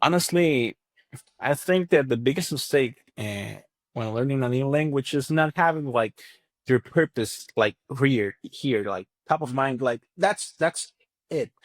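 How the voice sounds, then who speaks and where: A man's voice: medium pitch, lively intonation, unhurried, no echo. A Venezuelan man with a Venezuelan accent and Spanish as his first language, talking conversationally and emphatically as an interview guest, often repeating himself. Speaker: podcast guest, language company chief and teacher.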